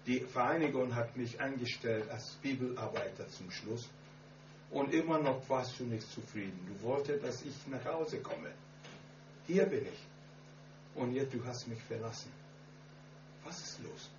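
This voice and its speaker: A man preaching a sermon and telling his own story in halting German full of grammar slips. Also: mid-range voice, expressive. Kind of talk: sermon with personal testimony. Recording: echoey, muffled distant hall recording with hum.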